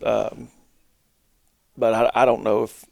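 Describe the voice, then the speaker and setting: A man's voice: medium pitch, flat delivery, slow pace, vocal fry, darkish tone, no echo. A man chatting casually and colloquially as a co-host on a podcast. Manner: folksy, colloquial. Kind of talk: casual hunting podcast chat.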